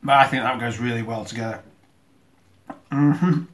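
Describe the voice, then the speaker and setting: A man's voice: mid-range voice, steady tone, rapid-fire, fairly bright tone. Man talking with his mouth full. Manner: talks while eating, with mouth full; hesitant, restarts and fillers while chewing. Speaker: video host. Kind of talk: casual food tasting demo.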